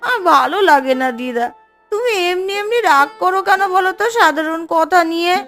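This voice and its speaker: A sleepy young sister from a cartoon whines and sulks, voiced by a woman. Her voice is high and bouncy. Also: expressive, moderate pace, a bit bright, faint music behind, exaggerated voice. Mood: whiny. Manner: whiny, sulky. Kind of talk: cartoon voice acting.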